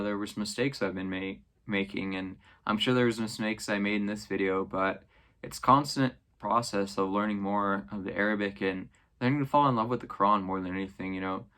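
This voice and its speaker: Talking casually to camera, a young channel host whose first language is English explains scripture with lots of fillers and tag questions. He has a fairly low pitch and a smooth voice that sounds pushed and bright.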